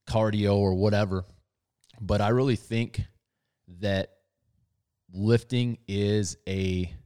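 A man's voice: deep voice, mellow. A man in his thirties hosting a podcast, chatting casually in a laid-back, rambling way. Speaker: podcast host. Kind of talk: casual chat.

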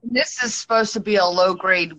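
A woman from South Dakota chatting casually, animated and quick to laugh. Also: medium pitch, low-quality recording. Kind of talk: casual chat.

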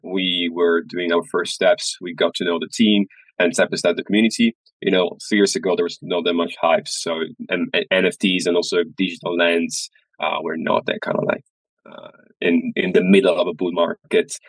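A man's voice: sits low, flat delivery, no room sound, rough recording. A man being interviewed as a studio founder, talking with frequent fillers and repeated words. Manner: halting, many uh fillers and repeats. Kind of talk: interview answers.

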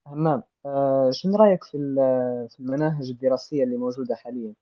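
A man with a Libyan Arabic accent, hosting a casual interview and gently drawing answers out of young guests. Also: medium pitch, quick pace, dry recording, highs cut off.

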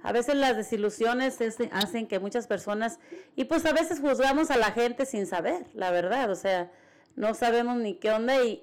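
A woman co-hosting a radio show, reflective and agreeable, with many fillers. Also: on the high side. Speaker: radio co-host. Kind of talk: casual radio chat.

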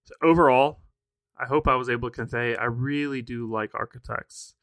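A man's voice: medium pitch, fairly even intonation, normal speed, fairly bright tone, no echo. Enthusiastic man on a board game podcast. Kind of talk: casual podcast chat.

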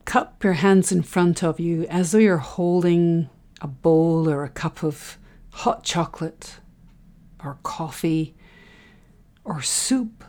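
Low, mellow woman leading a slow guided meditation. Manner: soft, soothing, unhurried delivery with breathy phrase endings. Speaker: guided breathing meditation instructor.

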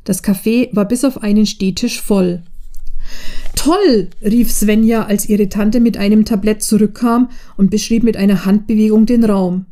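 A woman narrating a novel in a steady storytelling manner. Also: mid-range voice, normal speed, few pauses. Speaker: audiobook narrator. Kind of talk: scripted narration.

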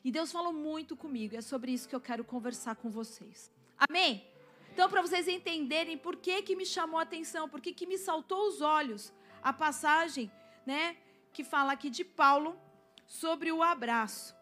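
High-voiced woman preaching. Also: normal speed, pushed and bright, soft background music. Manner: storytelling, asks the congregation to respond. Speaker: pastor. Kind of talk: sermon with personal testimony.

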